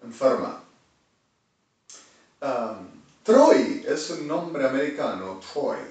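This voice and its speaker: A man from Argentina with an Argentine accent, talking in a rambling monologue that swings from low muttering to loud shouting. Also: big pitch swings, extremely slow. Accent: Argentine Spanish. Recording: very echoey room, far from the mic.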